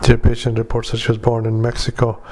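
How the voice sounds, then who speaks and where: A man working as a clinician dictates a medical note in halting fragments, speaking punctuation aloud. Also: mid-range voice. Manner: halting, flat, monotone delivery in short fragments. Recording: clearly noisy recording with background ambience.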